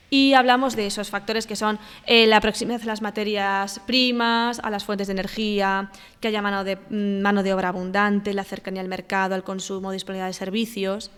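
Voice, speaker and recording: A woman with a Spanish accent from Spain walks through exam answers as a lesson, using hesitant fillers and often checking understanding with "¿vale?". Her mid-range voice is clear and resonant, recorded with a big-room sound.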